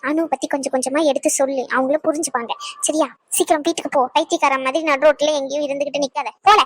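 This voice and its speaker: A woman's voice: high-pitched, fairly even intonation, dry recording, close to an everyday voice. A woman voicing a caring young woman in a cartoon who coaxes and advises her friend. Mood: coaxing. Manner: coaxing, advising, quick. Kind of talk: cartoon voice acting.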